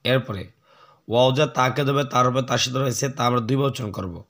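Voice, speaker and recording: A man teaching Quran reading, who spells out letters and vowel marks, explains the rules quickly, then recites the verses slowly and drawn out, often clearing his throat. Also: mid-range voice, a bit bright.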